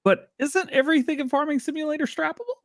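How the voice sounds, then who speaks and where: A man's voice: very high voice, fast talker, dry recording, clean studio sound. A man hosting a livestream, chatting casually and laughing often, with playful sound effects. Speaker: livestream show host.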